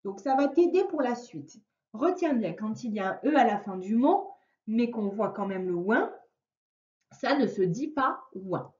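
A woman's voice: a little high, animated, a little slow, darkish tone. A woman teacher giving a patient reading lesson to a young child, sounding out words syllable by syllable. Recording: roomy, distant, dull lo-fi sound.

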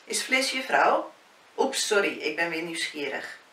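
A woman's voice: fairly low pitch, sing-song, a little slow, sharp tone, full character voice. A woman reading the lines of a curious, candid young therapist in a spoken novel. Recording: roomy, distant, faint hiss.

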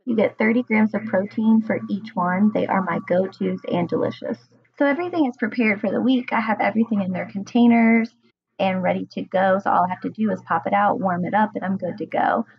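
A woman in her thirties, a home cooking vlogger, talks casually through her meal prep in her home kitchen, chatty and enthusiastic with plenty of ums. Her medium-pitched voice is fairly quick, creaky and slightly rough, and the audio is dull.

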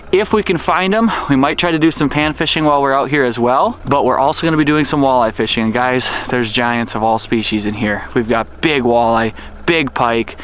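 An enthusiastic young man fronts an outdoor fishing vlog, speaking straight to camera with a slightly high voice. Faint outdoor noise sits behind him. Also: a bit bright. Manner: upbeat, enthusiastic, talks to camera. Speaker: outdoor channel host. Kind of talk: energetic vlog presenting. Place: outdoors on a frozen lake, then inside an ice tent.

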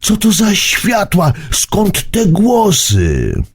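A scared little boy with a high, pleading voice, his questions tumbling out anxiously as a man puts him on. The tone is husky and lively. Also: extremely slow, full character voice. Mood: frightened. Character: frightened young boy hero.

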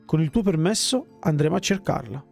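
A man's voice: on the high side, animated, a little fast, vocal fry, darkish tone, faint music behind. A man voicing a pompous, self-assured talking magic book in a fantasy game. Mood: lecturing.

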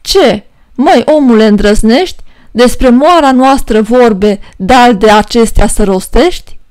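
A woman's voice: a little high, a little mellow, lightly acted. A woman voicing a band of indignant male devils in a storybook reading. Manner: indignant, questioning. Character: gang of angry male devils.

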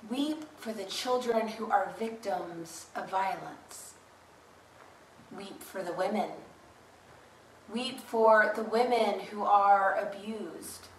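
A woman slowly reading a solemn litany of prayer for a church service. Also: medium pitch. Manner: measured, grave litany reading. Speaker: worship leader. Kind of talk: slow solemn liturgical reading. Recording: echoey room, distant mic, faint hiss.

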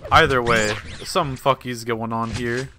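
A man's voice: medium pitch, steady tone, unhurried, noisy background. Chatty man hosting a gaming podcast. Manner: chatty, loose, with fillers and profanity. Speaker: podcast host. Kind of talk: casual chat while gaming.

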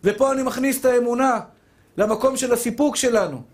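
A man, a rabbi, giving a fervent sermon, calling listeners his dear brothers and acting out imagined dialogues with God. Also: extremely high pitch. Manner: rhetorical questions. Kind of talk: spoken Torah lesson, sermon.

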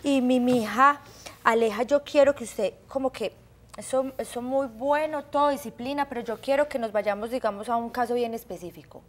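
A woman's voice: a little high, normal speed. A woman co-hosting a talk show, addressing listeners in a familiar, folksy way. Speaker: co-host.

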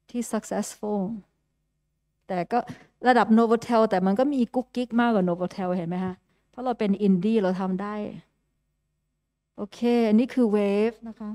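A woman's voice: mid-range voice, darkish tone, no echo. Woman giving a loose chatty talk, lots of ums and restarts, tosses in english words, dry close sound. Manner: chatty, mixes in English terms, frequent fillers and restarts. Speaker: guest lecturer. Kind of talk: informal lecture with slides.

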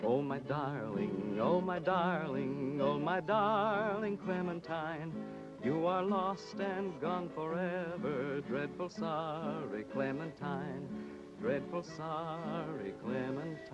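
Slow folk-ballad singer, man, over loud guitar, dull old track. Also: a little high. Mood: wistful. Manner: slow, drawn-out singing. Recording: muffled 1940s film track with guitar.

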